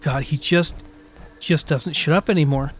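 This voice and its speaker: A man's voice: a little high, normal speed. A man giving casual, rambling commentary over a video game, thinking aloud and correcting himself, with game music faintly behind him. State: hiccuping. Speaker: gameplay commentator.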